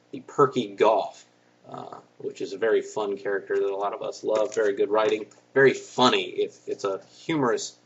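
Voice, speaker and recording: A man with a somewhat low, husky voice talks casually through his favorite comics. He is relaxed and often pauses on fillers. The recording is dull and lo-fi, like old home video. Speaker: comic book reviewer. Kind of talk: casual show-and-tell review.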